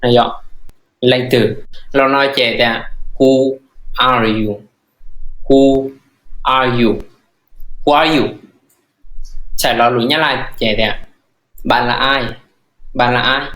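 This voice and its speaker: A man teaching a language lesson, repeating phrases slowly and word by word. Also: medium pitch, steady tone, bright, forceful tone, echoey room, poor audio.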